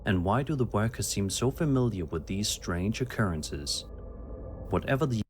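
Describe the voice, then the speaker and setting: Lower-voiced man narrating a script. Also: lively intonation, normal speed, soft background music.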